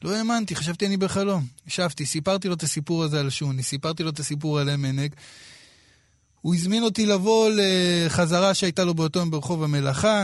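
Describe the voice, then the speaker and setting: A man in his thirties from Israel, telling a personal story in a casual, lively way with quoted dialogue. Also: a little high, dry recording, studio quality. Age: 30s.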